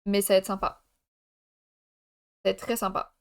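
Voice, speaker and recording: A woman's voice: mid-range voice, little pitch movement, normal speed. A young woman live-streaming from France, chatting casually with viewers and laughing while she jokes in mock Spanish.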